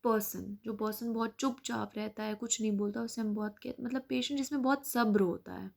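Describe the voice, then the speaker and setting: A woman teacher with a somewhat high, mellow voice. She reads lines of a story slowly and deliberately, then goes back over them in a patient, explaining tone, as if walking young pupils through a lesson. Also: steady tone, gravelly. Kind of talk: explaining an English lesson in Hindi.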